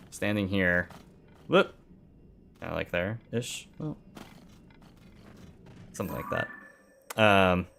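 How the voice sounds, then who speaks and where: A man's voice: low-pitched, a bit bright. A man in his thirties chatting casually while streaming a game, rambling, muttering to himself, laughing and swearing now and then. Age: 30s. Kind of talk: casual livestream chat while playing.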